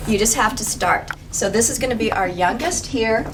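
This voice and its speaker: Brisk woman in her fifties leading a group. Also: a little high. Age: 50s. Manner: brisk, directive, quick to laugh. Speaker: workshop facilitator. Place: indoor meeting room with a group. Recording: distant mic with background noise.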